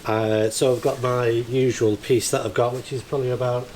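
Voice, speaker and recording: In a flat, darkish, medium-pitched voice at normal speed, a man vlogs his amateur radio work, talking casually and hesitantly through a hands-on task. He's outdoors in the field and inside a barn, with clear ambient background noise on location.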